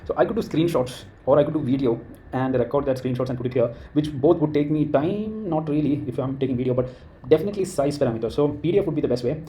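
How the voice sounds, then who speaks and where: A man with an Indian accent talking through his screen in a casual walkthrough, thinking aloud and pausing on fillers. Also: mid-range voice, warm tone, a little hiss or hum. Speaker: creator.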